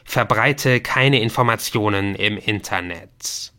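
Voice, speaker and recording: A man voicing a mysterious computer game that speaks in slow, loud, solemn pronouncements. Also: lowish voice. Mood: solemn commanding.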